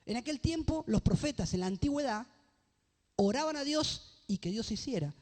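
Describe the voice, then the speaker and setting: A man's voice: very high-pitched, expressive, darkish tone, in a large hall. A man preaching a sermon as pastor, rising into emphatic phrases and asking the congregation questions. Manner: reads scripture aloud slowly. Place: church.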